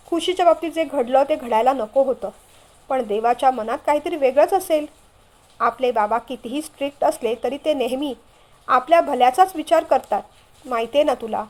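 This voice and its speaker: Brief: a woman reading a playful teasing younger brother, light and high. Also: close to an everyday voice.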